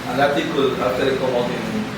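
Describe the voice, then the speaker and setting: A man's voice: medium pitch, fairly even intonation, quick pace. A man chatting casually as a co-host on a group podcast. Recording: very echoey room, distant mic, loud noise.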